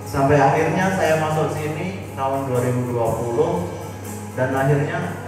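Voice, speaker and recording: A man in his twenties, talking reflectively in a casual chat with halting pauses. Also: a little high. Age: 20s. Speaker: guest. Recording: echoey room from far off with music.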